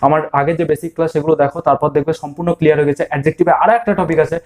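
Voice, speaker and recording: A man's voice: fairly high pitch, level tone, rapid-fire, a little mellow. A man teaching an online grammar lesson, drilling word forms and asking and answering his own questions.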